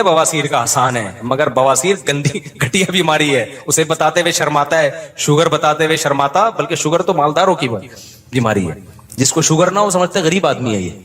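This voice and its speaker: A man's voice: a little high, fairly bright tone, big-room sound. A man giving a humorous religious lecture, telling stories in a joking way and laughing between points. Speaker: Islamic scholar giving a talk.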